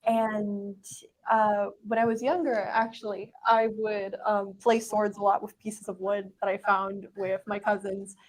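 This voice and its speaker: A woman chatting casually as a prop maker on a panel, halting and given to giggles, recorded in a noisy room. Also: mid-range voice, little pitch movement. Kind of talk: casual chat.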